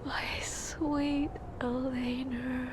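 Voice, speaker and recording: A woman's voice: high-pitched, flat delivery, extremely slow, noisy background. A woman playing a grieving, deluded woman who tenderly dotes on a puppet baby, in a fragile, half-whispered video game performance. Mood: tender gratitude.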